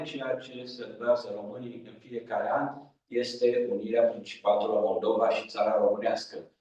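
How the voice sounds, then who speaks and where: A man's voice: medium pitch, warm tone. Man presenting in an echoey hall. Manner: measured, explanatory speech. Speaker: event presenter. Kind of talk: formal address to an audience. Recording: echoey hall from far off, dull.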